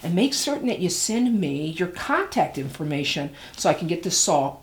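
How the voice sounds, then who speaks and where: A woman's voice: fairly low pitch, big pitch swings, moderate pace. A woman hosting a DIY tips vlog, talking casually and directly to the viewer with emphatic, instructional delivery. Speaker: host of a DIY tool tips show.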